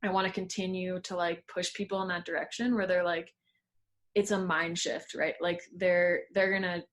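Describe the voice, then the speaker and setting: Young woman coach on a podcast, a bit low-pitched, talks in a loose chatty way full of "like". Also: flat delivery, moderate pace. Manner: chatty, many "like" fillers, laughs easily. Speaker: guest, fitness coach and former pro skier. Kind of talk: casual interview chat.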